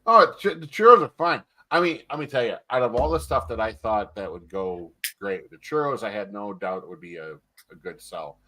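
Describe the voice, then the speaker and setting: A man's voice: on the low side, animated, brisk, hardly any pauses, bright, forceful tone. A man chatting casually as a panelist, telling stories in a blunt, griping way. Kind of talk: casual chat.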